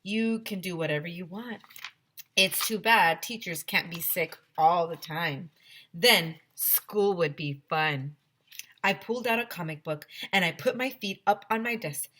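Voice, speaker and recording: A woman reads a children's book aloud to her class as their teacher, telling the story deliberately and expressively. Her voice sits on the low side, with a faint hiss or hum in the audio.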